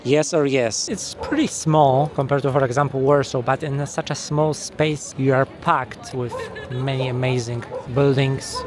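A man's voice: mid-range voice, fairly even intonation, measured pace, hardly any pauses. Chatty man vlogging outdoors, music behind. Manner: chatty, joking, easily impressed. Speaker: travel vlogger. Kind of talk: casual vlog commentary. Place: outdoors in a city market and old town. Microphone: small handheld camera mic.

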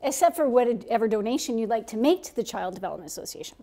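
A woman's voice: fairly high pitch, expressive, quick pace, dark tone. A middle-aged woman hosting local TV, with an upbeat, enthusiastic and emphatic way of presenting. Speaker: TV host and roving reporter. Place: indoor hallway and small room.

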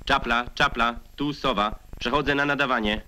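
A man's voice: medium pitch, fairly even intonation, normal speed, pushed and bright. A man working as a radio operator, making a clipped procedural call over a two-way radio. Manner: clipped call-sign protocol.

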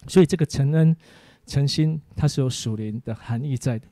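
A man's voice: medium pitch, normal speed, no echo. Preacher, storytelling man. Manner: anecdotal storytelling with animated family stories. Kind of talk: teaching sermon for an online course.

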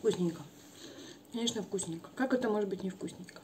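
A woman with a Russian accent, a mukbang vlogger chatting softly at home with her mouth full of rice. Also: mid-range voice, fast talker, slight background noise. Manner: soft, chatty, musing aloud. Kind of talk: casual chat while eating.

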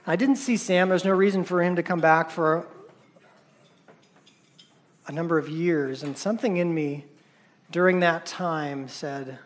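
Speaking at a conference, a surgeon shares something from his own life in a voice on the high side. He stumbles and repeats himself, going quiet when the story turns painful.

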